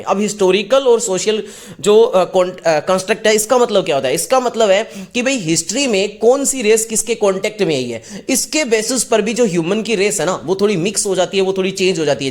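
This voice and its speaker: A male teacher giving a casual exam-prep lecture, asking and answering his own questions as he goes. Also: high voice. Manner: mixes English terms into Hindi speech.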